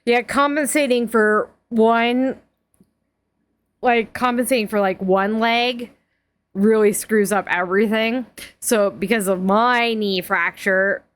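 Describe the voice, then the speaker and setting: Chatty woman in her forties. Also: on the high side. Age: 40s. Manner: rambling, chatty, frequent laughs and fillers. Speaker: streamer. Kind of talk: casual chat.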